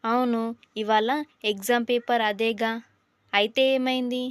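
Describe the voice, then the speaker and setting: A woman's voice: on the high side, steady tone, a little slow, no echo, close to an everyday voice. A woman voicing a patient, flustered middle-aged male exam invigilator who coaxes a crying student. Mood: coaxing. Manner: coaxing, fatherly.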